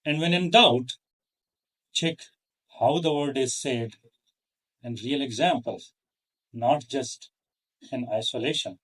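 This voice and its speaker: Slow, measured male English teacher. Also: medium pitch, fairly bright tone, slightly rough, distant mic. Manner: careful, measured delivery with pauses between phrases. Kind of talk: slow deliberate lesson.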